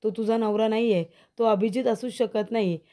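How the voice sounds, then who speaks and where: A woman voicing a frightened older mother who insists in repeated denials that a man is not her son, in a mellow low-key tone. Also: steady tone, normal speed, lightly acted. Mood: agitated.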